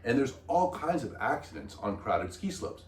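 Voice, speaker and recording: A man's voice: medium pitch, very animated, moderate pace, far from the mic. A man hosting a vlog, explaining things in casual chat with an enthusiastic, emphatic manner. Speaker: vlog host. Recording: roomy echo.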